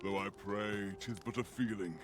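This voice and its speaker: A man's voice: lowish voice, fairly even intonation, normal speed, close to an everyday voice. Man acting an uneasy, brooding castle guard over music. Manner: archaic, ominous, musing delivery. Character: uneasy male castle guard, archaic speech, brooding and reluctant. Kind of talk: video game character dialogue. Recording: game voice under clear music.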